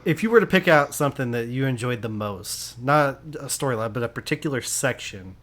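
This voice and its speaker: A man's voice: mid-range voice, animated, a little fast, fairly bright tone. Podcast host, male, eager and laughing, mid-range voice, loose casual chat. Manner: enthusiastic, laughs often, restarts sentences. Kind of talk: casual film review chat.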